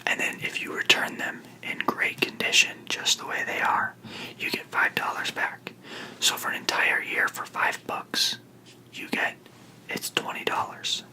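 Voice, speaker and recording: A person in a whispered role-play as a librarian, speaking in a soft, breathy library whisper with polite, reassuring customer-service phrasing. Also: a little slow, low-quality recording. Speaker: book club librarian helping a customer, role-played.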